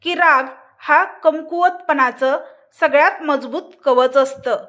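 A woman plays a young nurse from a storybook who speaks in a steady, direct way. Her voice is high and her delivery slow. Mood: firm.

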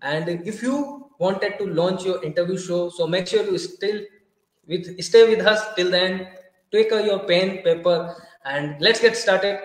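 Man, interview host, high voice, roomy echo, earnest and grateful. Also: a little slow. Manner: earnest, grateful, repeats and restarts in non-native English. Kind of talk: casual online interview.

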